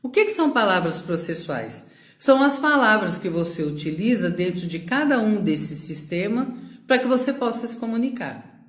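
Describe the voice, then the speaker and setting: A Brazilian woman at a mid pitch teaches a sales class over a phone live stream. She steps through her points item by item, stopping to ask if everyone follows. The room around her sounds echoey. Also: sing-song, moderate pace. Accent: Brazilian Portuguese. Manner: didactic, lists terms one by one and checks in with "ok?". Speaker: sales trainer. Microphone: phone on a social media live stream.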